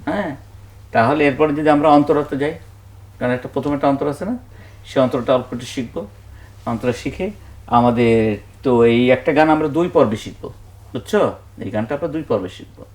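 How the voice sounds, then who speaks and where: A man's voice: medium pitch, quick pace, long pauses, a little mellow. A man, a music teacher giving a singing lesson to children, patiently counting beats aloud and often checking that they follow.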